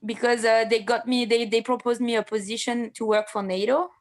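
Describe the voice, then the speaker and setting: Woman, halting chat. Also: fairly high pitch, little pitch movement. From France. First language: French. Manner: hesitant, many fillers and restarts, blunt and swearing at times. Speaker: MMA fighter, interview guest. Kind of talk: casual interview conversation.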